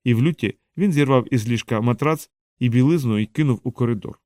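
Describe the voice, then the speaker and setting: A man narrating an audiobook in a steady, measured reading. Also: mid-range voice, no room sound, clean studio sound.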